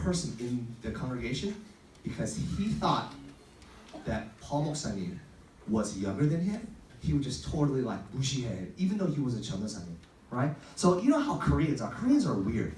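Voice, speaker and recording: A man's voice: medium pitch, darkish tone. A man preaching an informal, upbeat youth sermon as a pastor, telling stories in a conversational way. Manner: upbeat, conversational, acts out quoted lines. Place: echoey room, recorded at a distance. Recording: roomy, distant pickup with faint noise.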